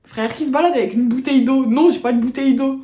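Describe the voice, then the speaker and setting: A woman's voice: high-pitched, fast talker, warm tone, a little hiss or hum. A woman vlogger telling a story in a casual, slangy, rambling way. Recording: roomy echo.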